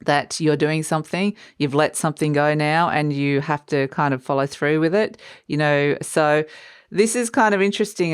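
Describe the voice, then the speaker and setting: Tarot reader doing a chatty mystical horoscope reading, clear smooth voice, encouraging, talks right to you, really dry close sound. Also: medium pitch, no echo. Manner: conversational, encouraging, addressing the listener directly.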